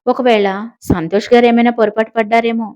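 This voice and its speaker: A woman voicing a calm young married woman who needles her rival with sarcasm, in an audiobook. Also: a little high, brisk, natural voice. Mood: mocking.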